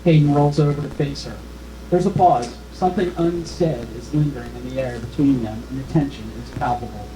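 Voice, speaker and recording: This man has a mid-range voice and a brisk delivery as he narrates stage directions from the script. It's a screenplay table read held live at a film festival. Faint noise and room echo come through.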